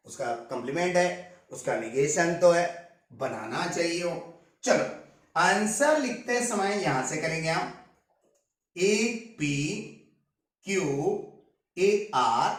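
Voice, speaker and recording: Slow high-voiced man teaching maths. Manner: explains step by step, asks checking questions. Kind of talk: classroom lecture. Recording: echoey room, distant mic.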